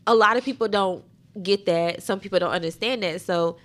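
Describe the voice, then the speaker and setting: A young adult woman from South Carolina co-hosting a podcast, talking in an expressive, emphatic way. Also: mid-range voice, a little fast. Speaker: podcast co-host. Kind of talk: casual chat.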